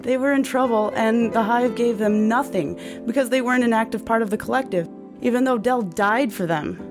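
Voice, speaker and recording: A man's voice: very high voice, fairly quick, over music, voice pushed up. A man voicing a flustered young woman. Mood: earnest. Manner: flustered, pleading.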